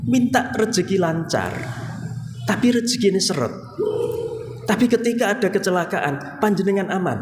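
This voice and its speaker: A man's voice: sits high, sing-song, moderate pace, pauses often, slight background noise. A middle-aged man with an East Javanese accent giving a Ramadan evening sermon in a mosque, folksy and direct, often turning to the men with "Pak". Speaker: preacher. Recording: echoey mosque hall, faint ambience.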